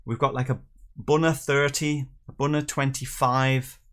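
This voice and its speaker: A mid-range, fairly bright voice with flat delivery and a measured pace belongs to a middle-aged host from Northern Ireland and England. He keeps his live tasting show casual and jokey, reading out comments from viewers.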